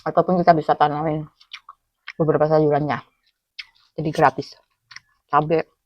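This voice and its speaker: Eating and chatting mukbang-style, an Indonesian food vlogger from Cilacap, Central Java, speaks with a Javanese accent, her mouth full and humming with enjoyment. She has a low voice, a flat delivery and a normal speed. The lo-fi recording carries no echo.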